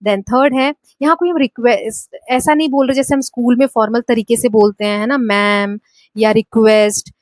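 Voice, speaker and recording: A woman teacher with an Indian English accent explaining a textbook lesson. She reads the English lines slowly and often checks in with her students. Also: a little high, steady tone, no room sound.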